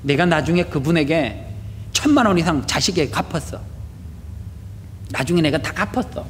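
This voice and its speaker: A male pastor preaching a sermon, telling stories with shouted prayers and rhetorical questions. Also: fairly high pitch, animated, moderate pace, big-room sound, slight background noise. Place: church sanctuary.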